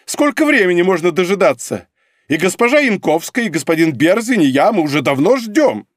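A man voicing a shrill, jealous older German professor in an audiobook, squealing and high-strung. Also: big pitch swings, brisk, dry recording, studio quality. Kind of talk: audiobook character reading.

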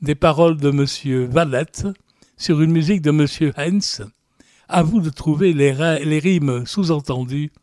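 Man, radio host, chatty, casual fillers, slightly high voice, dry close sound. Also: measured pace, darkish tone, dry recording.

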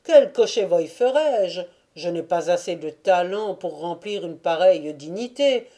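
A woman's voice: lowish voice, lively intonation, measured pace, warm tone. A woman reading an audiobook and voicing a cunning old male Cossack who pleads false modesty in a raised voice. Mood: mock humble. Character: sly old male Cossack feigning humility.

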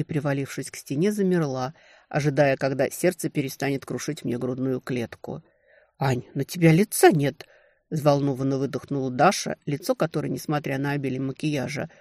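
A woman narrating a romantic fantasy novel in an expressive storytelling manner. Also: sits low, no echo, clean studio sound. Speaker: audiobook narrator.

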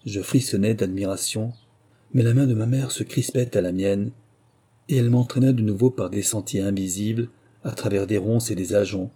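A man narrating a literary short story in a slow, measured, lyrical manner. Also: fairly low pitch, warm tone, slightly rough.

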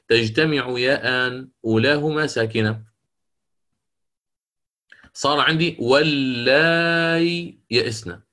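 A man teaching the rules of Quranic recitation in a lecture, explaining patiently, repeating key phrases and chanting verse examples slowly. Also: medium pitch, a bit bright.

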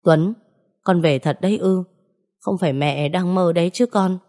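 A woman's voice: fairly low pitch, moderate pace, a little mellow, natural voice. A woman voicing a grieving elderly mother who scolds her runaway son, wailing in reproach. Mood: distraught.

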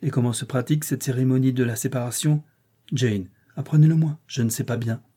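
A man reading an audiobook, voicing a brusque, teasing wealthy gentleman employer. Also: medium pitch, fairly even intonation, a little fast, breathy edge, close to an everyday voice.

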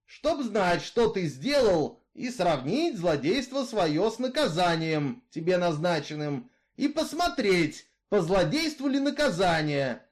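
A man's voice: high voice, big pitch swings, measured pace, few pauses. Man doing a bitter brooding outlaw. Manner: rough folksy drawl, brooding, growling at times. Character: brooding bitter male killer, middle-aged outcast.

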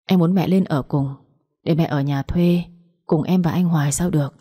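A woman voicing a considerate young man who speaks gently and reassuringly. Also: low voice, steady tone, moderate pace, breathy edge. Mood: caring.

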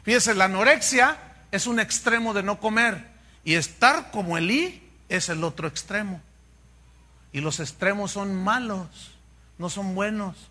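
A man's voice: sits high, measured pace. A man preaching a sermon, telling a Bible story with humor and acting out the dialogue. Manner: animated, humorous, acts out dialogue. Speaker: pastor.

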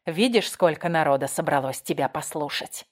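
A woman reading an audiobook voices a desperate, vengeful armed man with harsh, loud demands. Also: low voice, normal speed. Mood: threatening. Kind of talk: audiobook character voice.

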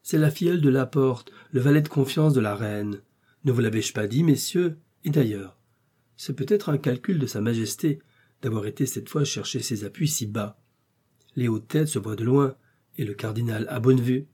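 A man voicing a bold young swordsman who gives orders in a raised, forceful voice. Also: mid-range voice, moderate pace, breathy edge, close to an everyday voice. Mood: commanding.

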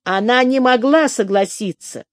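A woman reading the part of a calm, reassuring young man in a steady, firm voice. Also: a little high, unhurried, no room sound, studio quality, pitched above the performer's own voice, natural voice.

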